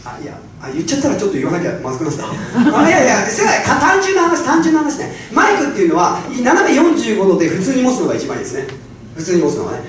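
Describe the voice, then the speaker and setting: Animated high-voiced man lecturing in an echoing hall. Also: very fast, distant mic, a crowd in the background. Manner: animated, laughing often, swinging between loud and soft. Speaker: speech coach giving a seminar. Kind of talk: lively seminar talk to a live audience. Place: large hall with a microphone. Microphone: handheld microphone.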